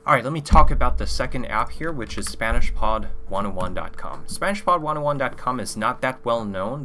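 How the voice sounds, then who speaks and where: In a small indoor room, a young man talks to camera on a desk mic for his language-learning YouTube channel, giving a relaxed review. French is his first language, and his delivery wanders, studded with "you know" and "like." The voice leans slightly low but sounds forward and bright, over a faint underlying hum.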